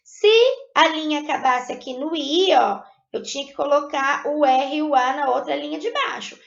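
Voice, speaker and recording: Teacher lady, high voice, patient step by step, echoey dull lo-fi room. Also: steady tone, normal speed, gravelly. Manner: patient, explains step by step and keeps checking in with "tá?". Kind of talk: recorded lesson.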